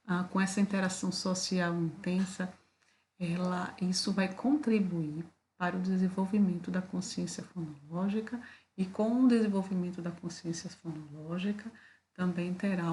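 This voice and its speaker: Lower-pitched Brazilian woman teaching a lesson. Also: warm tone, a little hiss or hum. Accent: Brazilian Portuguese. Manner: explanatory, with frequent "tá?" and "né?" check-ins. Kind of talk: video lecture.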